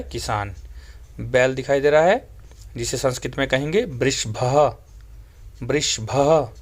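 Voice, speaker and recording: A man teaching a school lesson, having students repeat words after him and spelling them out slowly piece by piece. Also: medium pitch. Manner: slow, spelled-out recitation.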